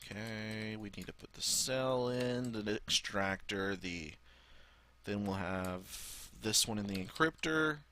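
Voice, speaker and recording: Man, Southern US drawl, slightly low and forceful voice, casual sweary game host thinking out loud. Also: takes it slowly. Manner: rambling, sweary, thinking aloud. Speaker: gaming video host. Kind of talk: casual gameplay commentary.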